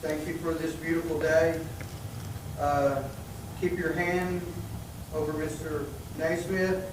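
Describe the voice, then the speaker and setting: Flat-toned man praying in echoey room. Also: a little high, slow. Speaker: commissioner leading prayer. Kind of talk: public prayer. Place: indoor meeting room. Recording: very echoey, distant, noisy room.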